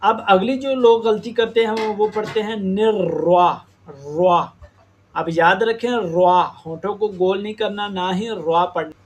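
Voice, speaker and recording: A man teaching Quran recitation, explaining slowly and stretching out demonstrated sounds. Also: sits high, a little hiss or hum. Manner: slow, deliberate explanation with drawn-out demonstrated sounds. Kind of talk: tajweed lesson.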